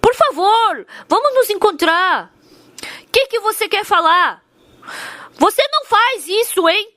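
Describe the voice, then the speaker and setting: A man's voice: very high-pitched, lively intonation, takes it slowly, sharp tone, dry recording, voice pushed up, full character voice. A woman doing a begging frightened loan shark. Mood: pleading. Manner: begging, flustered.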